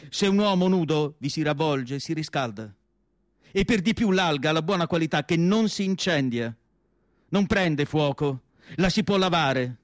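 A man delivers literary prose as a radio theatre monologue, solemn and declamatory, shaping his phrases deliberately and leaning on dramatic pauses. His voice is on the high side, captured in a dry, studio-quality recording.

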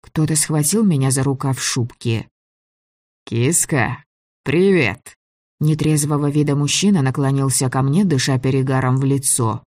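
An audiobook reader narrating a first-person fantasy story in an even, measured way. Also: medium pitch, no echo.

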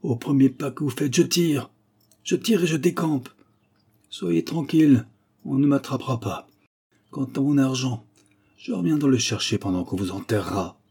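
A man voicing a menacing masked male avenger, hoarse, hissing and imperious as he makes his threats. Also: mid-range voice, lively intonation, fairly quick, a little mellow. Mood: scornful.

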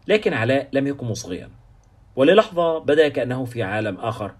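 A man reading a novel aloud as an audiobook narrator, with steady storytelling. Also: medium pitch.

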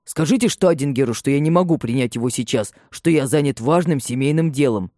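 Мужчина читает взволнованного старого лесничего. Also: male voice, medium pitch, lively intonation, a little fast, mellow, dry recording, studio quality, pitched above the performer's own voice, natural voice. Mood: agitated. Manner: agitated, exclamatory. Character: excitable older male forester, family man.

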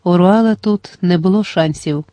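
A steady audiobook narrator reads the story in a dark, mellow tone. The delivery stays even and controlled, and the recording is dry and close with no room sound. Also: medium pitch, normal speed, dry recording. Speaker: audiobook reader.

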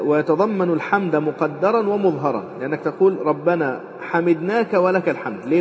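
Fast-talking man teaching in a hall. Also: a little high. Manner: rapid, repeats and quotes phrases, frequent fillers. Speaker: Islamic jurisprudence teacher. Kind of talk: explaining a legal text. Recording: dull lecture recording with long reverb.

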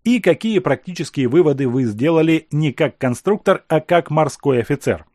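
A man reading as a calm commanding emperor. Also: fairly high pitch, no room sound, studio quality. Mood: instructive. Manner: measured, commanding, explaining. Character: calm authoritative male emperor, questioning and instructive.

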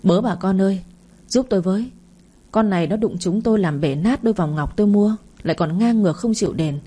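A woman voicing a loud, bullying swindler woman in a storybook reading, shouting accusations and wailing for bystanders. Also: medium pitch, a little fast, slightly rough, close to an everyday voice.

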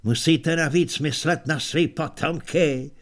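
A man voicing an elderly barbarian hero who speaks slowly and declaims his lines. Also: a little high, lightly acted. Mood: grumbling.

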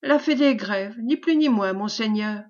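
A woman reading the lines of a servile, scheming man who flatters in a caressing, obsequious tone, in a storybook reading. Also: mid-range voice, measured pace, dull audio, close to an everyday voice. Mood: fawning. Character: fawning, sly male schemer, servile and unctuous.

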